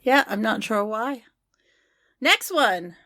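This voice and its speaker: A woman runs a trivia game on a podcast, reading each clue and giving the answers at an unhurried pace. Her voice is bright and a little higher than most. She laughs easily between rounds. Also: animated. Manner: reads clues aloud and scores answers, laughing often. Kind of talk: casual podcast chat.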